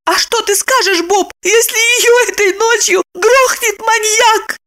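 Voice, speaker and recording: Lady reading as sly young wife, squeaky high and whiny, overdoes everything. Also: lively intonation, moderate pace, a bit bright. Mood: tearful pleading. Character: young wife, theatrical and cunning.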